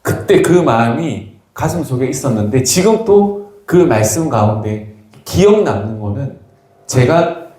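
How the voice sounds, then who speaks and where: A man's voice: medium pitch, animated, measured pace, warm tone. A male pastor preaching a sermon in a church sanctuary, telling humorous stories and teasing the congregation. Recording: echoey church hall.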